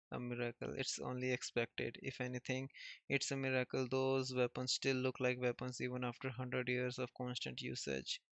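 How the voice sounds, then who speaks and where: Guy reading manga out loud, super flat monotone, chuckles a lot, kinda dull dry sound. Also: medium pitch, normal speed, vocal fry, no echo. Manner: reads every character in the same plain voice, chuckling often. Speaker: manga reader. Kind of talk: casual read-aloud of a comic.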